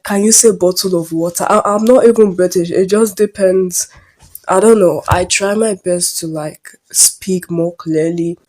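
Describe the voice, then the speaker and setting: Nigerian teen girl rambling thru a storytime vlog, nigerian accent, lowish mellow voice. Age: late teens. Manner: rambling and hesitant, often trailing off quietly. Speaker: vlogger.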